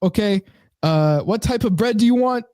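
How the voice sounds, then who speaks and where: A brusque Caribbean deli worker woman barks out orders in a high, squeezed voice, as a man puts her on for a comedy podcast story. Her put-on Caribbean accent is broad and clipped, and she repeats herself without patience. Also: lively intonation, normal speed, a little mellow, clean tone, no echo, studio quality. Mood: matter-of-fact. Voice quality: raised, mock-female pitch.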